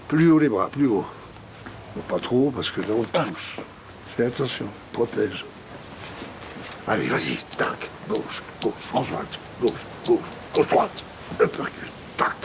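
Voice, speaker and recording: An actor playing a gruff older retiree who coaches a young man in boxing, blunt and commanding. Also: mid-range voice, expressive, moderate pace, background noise, natural voice. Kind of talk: film dialogue.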